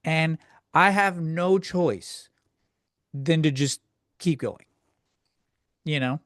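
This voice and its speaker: A man with a fairly high, slightly bright voice speaks very slowly on a dry, studio-quality recording. Hosting a comedy podcast solo, he rants casually and crudely, rambling and self-deprecating as he answers listener questions.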